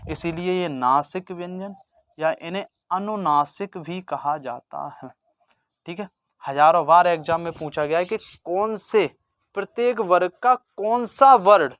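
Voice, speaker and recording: Exam-prep teacher, mid pitch, question-and-answer drilling, dry recording. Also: no room sound. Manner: call-and-response, asks a question then answers it lower and softer. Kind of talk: exam-prep grammar lesson.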